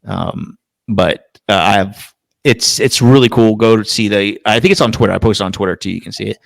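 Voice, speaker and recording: A man's voice: lowish voice, normal speed, vocal fry, no room sound. A man co-hosting a fantasy football podcast, chatting casually in a rambling way and swearing freely. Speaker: podcast co-host. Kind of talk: casual chat.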